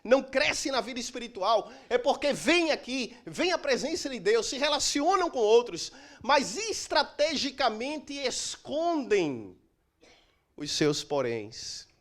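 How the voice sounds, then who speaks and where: Pastor guy, middle-aged, high voice, really animated, leans on pauses and goes loud then quiet. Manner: emphatic preaching with dramatic pauses and shifts in loudness. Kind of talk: sermon. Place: church.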